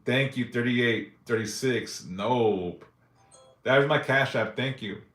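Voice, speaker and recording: A man's voice: medium pitch, takes it slowly, a bit bright, roomy sound, soft background music. A man in his forties hosting a casual live stream, reading viewer questions aloud and answering them briefly, with loose, profane talk. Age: 40s. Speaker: livestream host answering yes-or-no questions.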